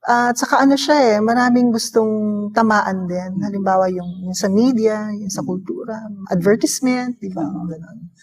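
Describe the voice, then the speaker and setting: A woman's voice: mid-range voice, normal speed, a little mellow. A woman interviewer asking long, respectful questions and searching for the right words as she goes.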